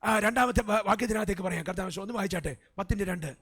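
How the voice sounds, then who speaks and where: A Malayali pastor preaching with a fairly high-pitched male voice. He drops to soft asides, then climbs to loud shouted peaks. Amens and hallelujahs fill every pause. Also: husky. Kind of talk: sermon. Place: church service.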